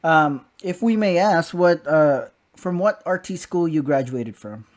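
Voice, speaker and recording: A man's voice: on the high side, measured pace. A man hosting a live-streamed interview show, apologetic and flustered by technical glitches. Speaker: host.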